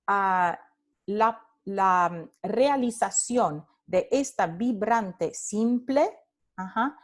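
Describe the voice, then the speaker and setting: A woman's voice: medium pitch, a little mellow. A woman lecturing on phonetics over slides, explaining patiently, repeating example words to demonstrate sounds and adding short English asides for her students. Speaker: Spanish phonetics instructor.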